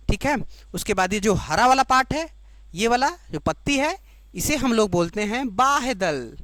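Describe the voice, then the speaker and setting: A woman teaching biology to exam students, repeating each key term slowly and checking that the class follows. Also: mid-range voice, fairly bright tone, dry recording. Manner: explains in Hindi, giving the English term for each.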